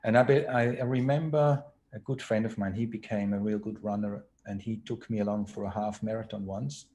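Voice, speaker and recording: A man speaks in a fairly low voice, unhurried and a little hesitant as he tells his story. He talks over a video call with a faint hum behind him. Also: steady tone, warm tone, dull audio. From Switzerland. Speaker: podcast guest. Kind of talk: casual interview chat.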